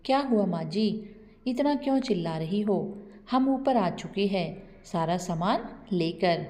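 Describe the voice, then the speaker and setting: Woman doing a curt, scolding daughter-in-law for a storybook, warm tone, long reverb. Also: mid-range voice, animated, measured pace, natural voice. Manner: sharp, scolding.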